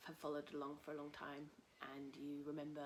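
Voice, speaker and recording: Husky woman, low-voiced and chatty. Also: completely flat delivery, fairly quick, slight background noise. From England. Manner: chatty and rambling, with many fillers. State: husky from a cold. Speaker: podcast host. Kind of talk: casual knitting podcast chat. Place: at home in a tiny house. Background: cockatoos calling outside.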